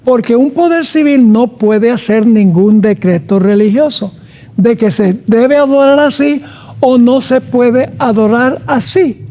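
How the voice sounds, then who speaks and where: A middle-aged man preaching slowly and deliberately, in an unhurried, measured way. His voice is dark and mellow. He reads a verse, pauses, then turns to comment on its key words. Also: extremely high pitch. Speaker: pastor. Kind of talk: sermon, Bible study reading and commenting.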